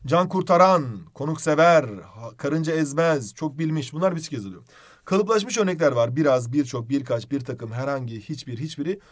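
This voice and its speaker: A man teaching an exam-prep grammar lesson, brisk and emphatic, calling out example words in a raised voice. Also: a little high, animated.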